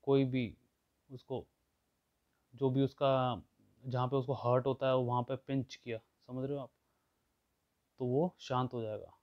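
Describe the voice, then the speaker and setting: A man's voice: mid-range voice, little pitch movement, a little slow, long pauses. Man teaching vocabulary, lo-fi sound. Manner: explains words with everyday examples, often checks in with listeners. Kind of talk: explanatory lesson.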